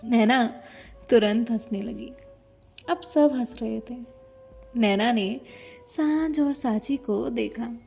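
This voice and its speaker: Woman narrator, audio romance, mellow voice, somewhat high, soft music behind. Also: takes it slowly, gravelly, long pauses. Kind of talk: storytelling narration. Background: faint music.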